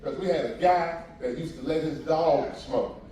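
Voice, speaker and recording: A male stand-up comedian doing crowd work on a cruise ship, loud and animated as he quizzes the audience, heard in an echoey lounge from a distance with the crowd answering. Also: fairly high pitch, moderate pace, slight background noise. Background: audience laughing and answering.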